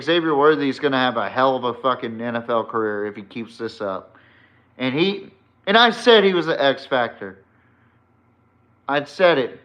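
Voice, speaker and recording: This solo sports podcast host talks football in a mid-range, fairly bright voice. His take is casual and strongly opinionated, delivered emphatically and bluntly with plenty of profanity, over a dull, lo-fi recording.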